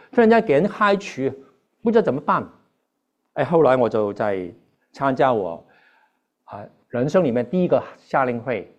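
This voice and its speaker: A man preaching to a congregation. His voice sits at an ordinary male pitch, and he speaks earnestly, halting and restarting as he goes and slipping English terms into his sentences. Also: darkish tone, lo-fi sound. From Hong Kong. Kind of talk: sermon with personal testimony.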